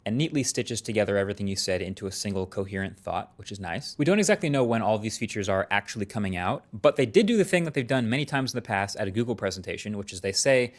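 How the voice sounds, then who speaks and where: A man's voice: on the low side, expressive, fast talker, hardly any pauses. Conversational man presenting tech news. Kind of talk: conversational scripted tech commentary.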